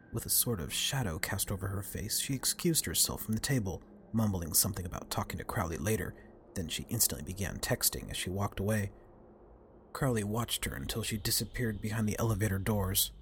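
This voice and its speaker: A man reading a story aloud in an expressive, scripted narration style. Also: fairly low pitch, a little hiss or hum. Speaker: audiobook narrator.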